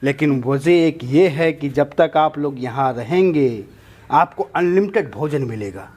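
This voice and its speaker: A man's voice: fairly high pitch, lively intonation, a little slow, darkish tone. A man playing a smug, mock-polite gang boss in a comic sketch, making a welcome speech.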